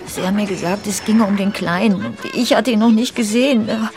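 A female dubbing actor playing a middle-aged, anxious mother who pleads softly with her son. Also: medium pitch, a little fast, lightly acted. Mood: worried. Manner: soft, pleading, often near a whisper.

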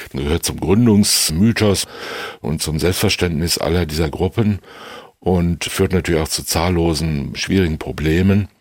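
Very deep older man, measured legal talk. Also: no room sound, clean studio sound. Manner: long, carefully qualified sentences. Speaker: retired federal judge, podcast co-host. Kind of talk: measured legal analysis in conversation.

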